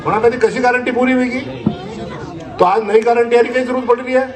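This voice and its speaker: A man's voice: very high voice, fairly even intonation, brisk, far from the mic, a crowd in the background. A man with a Rajasthani accent giving a rambling, rustic campaign speech to villagers as a politician. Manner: rustic, rambling, repeats himself.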